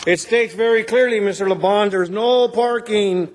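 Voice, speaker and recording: A man with a high-pitched voice addresses officials in public comment. His delivery is confrontational and insistent, pressing each point. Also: normal speed. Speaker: public speaker at a council meeting.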